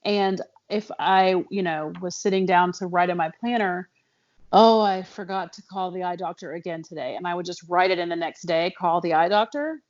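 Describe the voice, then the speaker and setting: A woman co-hosting a podcast in casual chat, talking animatedly with lots of fillers and restarts. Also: fairly low pitch. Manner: animated, quick to laugh, with many fillers and restarts. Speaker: podcast co-host. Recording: slightly dull, lo-fi audio.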